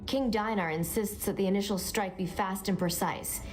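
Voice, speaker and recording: An actress playing an earnest, trusting war ally in a fantasy video game, giving a formal briefing. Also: female voice, mid-range voice, steady tone, normal speed, soft background music, lightly acted. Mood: earnest, encouraging. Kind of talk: video game character acting. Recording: clear background ambient noise.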